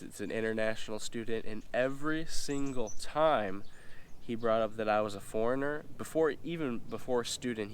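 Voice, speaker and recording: A young man who vlogs is eating indoors as he casually rambles through a story, packed with slang and fillers. His fairly low voice sounds stuffy and nasal from a cold, and a little hiss or hum can be heard.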